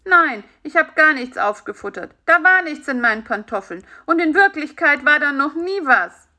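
A woman voicing a tired, stingy and lonely male spider in a children's story, in a sulky, drawn-out way. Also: high voice, sing-song, sharp tone, voice pushed up, exaggerated voice. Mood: sad.

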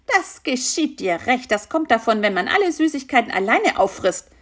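A woman's voice: high-pitched, big pitch swings, moderate pace, pitched above the performer's own voice. A woman voicing a cheeky, gloating little male fly in a perky, smug tone.

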